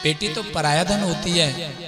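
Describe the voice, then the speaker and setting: A man's voice: a little high, a little slow, music in the background, close to an everyday voice. A man voicing a grieving mother queen who pleads with and consoles her departing daughter in devotional storytelling. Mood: consoling. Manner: pleading and consoling, asks "हैं?".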